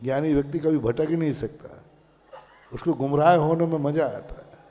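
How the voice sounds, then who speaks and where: A man's voice: fairly high pitch, moderate pace, warm tone. A man, a Jain monk, giving a sermon, telling a personal story with rhetorical questions and playing out a dialogue with his own mind. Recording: long hall reverb.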